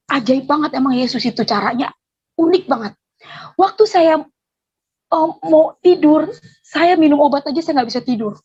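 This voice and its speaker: A woman's voice: high voice, a little mellow, muffled recording. A woman giving a personal faith testimony, telling her story with animation and acting out the dialogue. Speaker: testimony speaker.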